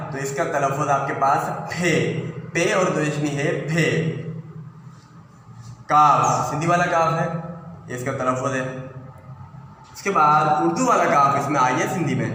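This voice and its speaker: A man's voice: on the high side, sharp tone, a little hiss or hum. A man teaching a classroom lesson, patiently explaining step by step. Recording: echoey room, heard from far off.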